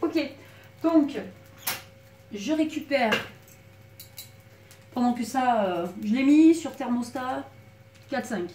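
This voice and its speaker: Woman, home cook, casual cooking demo, chatty, slight frog in throat, echoey back kitchen, far from mic, loud clattering pans. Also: high voice, expressive, slow pace, pauses often, a little hiss or hum. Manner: chatty, talks to viewers while cooking. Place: small back kitchen, indoors. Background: clattering pans and utensils.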